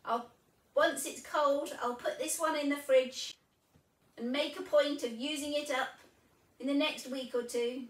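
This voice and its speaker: A woman in her fifties talks through her cooking in a cheerful, chatty way, explaining each step. Her voice sits high and her pace is relaxed and slow. The sound is roomy, picked up by a camera a little way off in her kitchen. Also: distant mic. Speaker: home cooking vlogger. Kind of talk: casual kitchen demonstration. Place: home kitchen, indoors. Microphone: camera mic at a distance.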